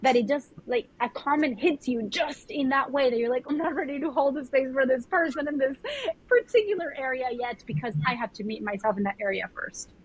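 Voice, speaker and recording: In a podcast conversation, a Colombian woman who works as a spiritual mentor talks earnestly about her path, often repeating herself while she gathers her words. Her voice is high and brisk with a breathy edge, and the audio is dull and lo-fi.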